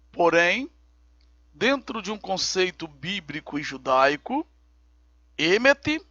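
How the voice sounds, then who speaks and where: A man teaching a recorded Bible lesson, explaining each term slowly and step by step. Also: high-pitched, vocal fry, sharp tone, dry recording, lo-fi sound. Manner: slow, deliberate, explains terms step by step.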